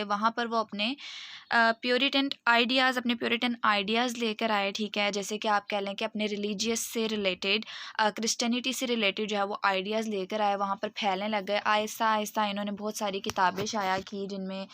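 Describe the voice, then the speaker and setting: A woman delivers a recorded lesson into a close, dead-dry microphone. Her voice sits at an ordinary middle pitch. She explains step by step and pauses to make sure her students are following. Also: fairly bright tone, dry recording. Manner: patient explaining, often checks in with "okay", reads English passages slowly. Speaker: lecturer. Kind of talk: recorded online lecture.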